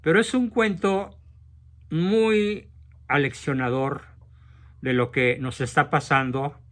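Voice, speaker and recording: Host: Mexican man, frank storyteller, slightly high voice, slow and deliberate. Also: fairly even intonation. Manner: frank, direct, forceful. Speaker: host of a talk session. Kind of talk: storytelling talk.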